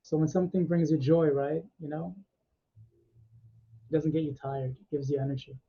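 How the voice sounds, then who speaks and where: Energetic man on a muffled video call. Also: fairly high pitch, moderate pace, breathy edge. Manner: energetic, effusive, talks with laughs. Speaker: meditation guide and host. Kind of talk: casual group chat after a meditation.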